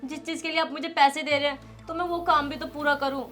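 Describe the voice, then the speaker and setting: A woman's voice: high voice, fairly even intonation, quick pace, sharp tone, faint music behind. A woman playing a humble housemaid who defends herself in a meek, pleading way. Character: humble young female housemaid, hurt but firm. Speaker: maid. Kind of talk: short film acting.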